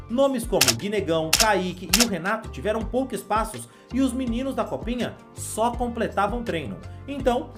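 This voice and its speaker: A woman giving scripted football commentary, talking straight to the viewer in a conversational way. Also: mid-range voice. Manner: conversational, addresses viewer directly. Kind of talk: scripted sports commentary voice-over.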